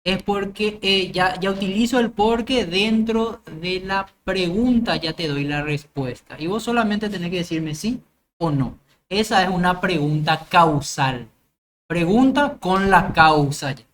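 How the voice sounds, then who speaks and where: A woman's voice: lowish voice, a little slow. A woman teacher, walking through grammar rules one by one with examples. She keeps stopping to ask whether the class follows. Faint noise sits under her voice. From Paraguay. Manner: explains step by step with examples, checks understanding. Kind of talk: grammar lecture.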